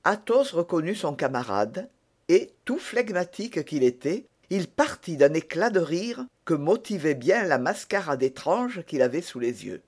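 A man reading a novel aloud as narrator, slow and measured. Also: fairly high pitch, very animated, a little mellow. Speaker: audiobook narrator. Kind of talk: scripted narration.

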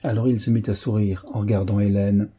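Man narrating an audiobook, deep-ish voice, very mellow tone, husky, measured storytelling. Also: level tone. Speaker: audiobook reader. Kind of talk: scripted narration.

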